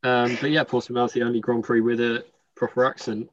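A man's voice: mid-range voice, little pitch movement, fast, dry recording, highs cut off. A man with a modern British accent chatting casually as a podcast co-host, rambling and joking as he goes. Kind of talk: casual chat.

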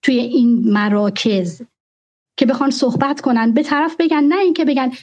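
A woman makes her case on a discussion show, earnest and measured. Her voice sits a little high, and the audio sounds dull and lo-fi. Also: darkish tone. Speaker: guest. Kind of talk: discussion with a host.

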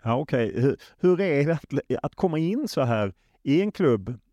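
A man's voice: fairly high pitch, sing-song, warm tone, dry recording, highs cut off. A man working as an interviewer, putting questions in a conversational style.

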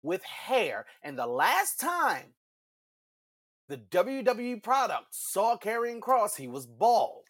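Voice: mid-range voice, very animated, slow pace, a bit bright, no room sound, studio quality. A podcast co-host breaking down a wrestling segment step by step in casual chat. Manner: explanatory, builds points step by step.

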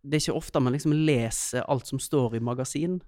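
Animated storytelling man, dry sound. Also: mid-range voice, no room sound. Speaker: guest. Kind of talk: casual chat.

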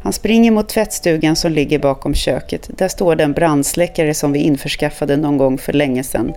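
A podcast host reading a first-person novel passage aloud in a steady, measured way. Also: medium pitch, soft background music. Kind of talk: reading a novel aloud, then casual chat.

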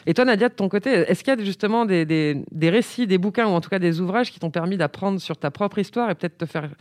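Woman podcast host, fast talker, lively casual chat, dry sound. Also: medium pitch, dry recording.

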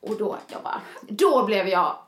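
A woman's voice: mid-range voice, expressive, a bit bright, reverberant. A woman chatting casually on a podcast, acting out her own past thoughts as she tells a story and swearing freely. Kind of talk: casual chat.

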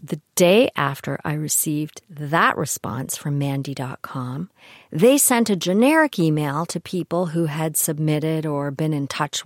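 A woman's voice: low-pitched, no echo, clean studio sound. A woman podcast host telling a story in a casual monologue, with sarcastic asides.

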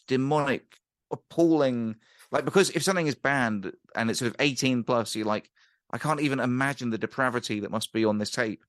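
A man's voice: mid-range voice, a bit bright, dry recording. A man telling a rambling, chatty story as a podcast guest, laughing often. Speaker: guest musician and ukulele teacher. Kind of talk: casual storytelling.

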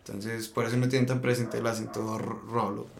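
A man's voice: medium pitch, fairly quick, gravelly, slight background noise. A young Colombian man with a Bogotá accent, chatting casually as a guest and telling stories full of street slang, often ending phrases as questions. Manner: relaxed storyteller, slangy, ends phrases as questions. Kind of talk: casual chat.

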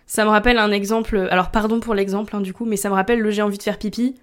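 A woman hosting a casual podcast interview, friendly and quick to laugh. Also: mid-range voice, steady tone. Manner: friendly, laughs easily, quick back-channel replies. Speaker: podcast host.

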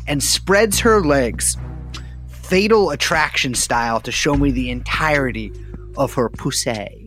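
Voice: mid-range voice, a bit bright. A podcast co-host telling a wildly exaggerated comic story in a rambling, profane way.

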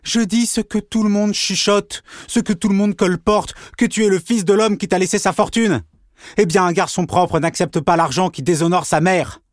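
A man's voice: a little high, moderate pace, no room sound, studio quality, close to an everyday voice. A man voicing a jealous young man who accuses in a heated, raised voice. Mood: furious.

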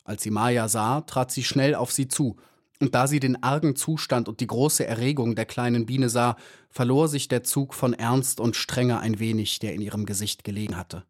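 A man reading a children's storybook aloud in a calm, measured narration. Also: mid-range voice. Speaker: audiobook reader.

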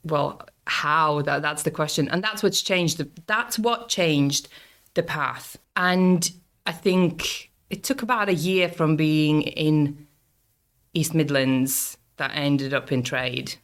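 A woman from Latvia, a Latvian native speaker, telling her life story as an interview guest, jumping up in pitch when she quotes herself. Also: takes it slowly. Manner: animated storyteller, lively pitch swings when quoting herself. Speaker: guest, antiques dealer.

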